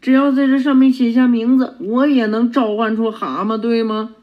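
A man voicing a cheeky, mocking young boy ninja in a raised, loud, taunting voice. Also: extremely high pitch, flat delivery, normal speed, highs cut off, pitched above the performer's own voice. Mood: eager.

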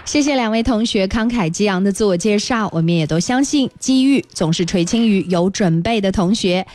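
A woman hosting a children's radio quiz, explaining things clearly and encouragingly. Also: mid-range voice, a little fast, darkish tone, some chatter behind. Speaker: quiz show host. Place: radio studio.

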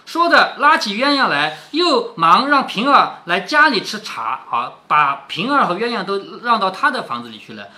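A middle-aged man telling a story to his child, his voice bright and full of rises and falls. He retells the tale in everyday words, playful, and keeps checking in with "isn't it?". It sounds like a casual read-aloud with running commentary. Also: high-pitched, sing-song, normal speed, few pauses. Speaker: father reading a classic novel aloud to his daughter.

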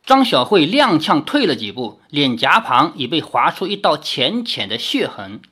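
A woman narrating a martial arts novel aloud in an expressive storytelling manner. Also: sits low, normal speed, breathy edge. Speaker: audiobook narrator.

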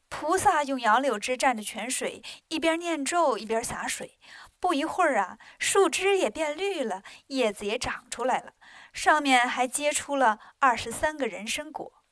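Lively woman storyteller, high voice, dry sound. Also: no echo. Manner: lively, playful, folksy. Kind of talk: comic storytelling.

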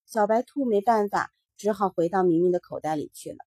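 A woman telling a children's story aloud, in a slow, expressive, sing-song manner. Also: mid-range voice, no echo, clean studio sound.

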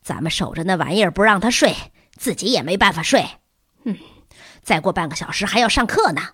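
A woman's voice: medium pitch, animated, a little fast, fairly bright tone, slightly rough, dry recording, clean studio sound. A woman voicing a schoolboy who pants and complains. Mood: complaining. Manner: panting, complaining. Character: gasping, scheming schoolboy.

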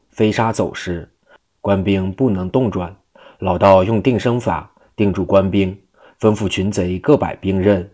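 Deep voiced guy reading an old novel, measured rhythm. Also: warm tone. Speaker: narrator. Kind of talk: storytelling narration of a classic novel.

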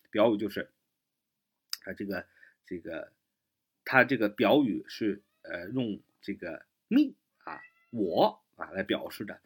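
A man's voice: fairly low pitch, breathy edge. Chinese-speaking guy teaching english, voice goes up and down a lot, says phrases over and over. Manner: lively, repeats English phrases slowly and spells them out. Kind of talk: spoken English lesson.

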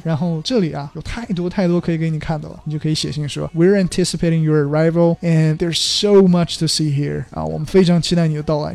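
A man runs an English-learning podcast, going through phrase after phrase in a loose, conversational way. His voice sits a little high for a man, and he keeps things informal, tossing in casual asides as he explains. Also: a little mellow.

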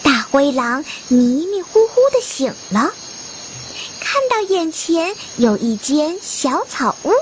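Slow expressive children's storyteller woman. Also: high-pitched, a little hiss or hum. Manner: expressive, sing-song storytelling. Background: children's music.

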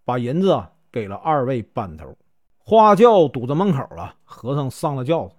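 A man with a Northeastern Chinese accent telling a traditional story in a chatty, lively way. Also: medium pitch, normal speed. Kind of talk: storytelling narration.

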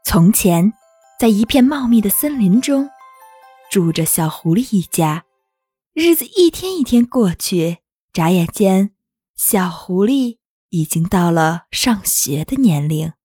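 A woman narrating a children's story in a gentle, unhurried, expressive reading. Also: medium pitch, husky, no echo, studio quality, faint music behind.

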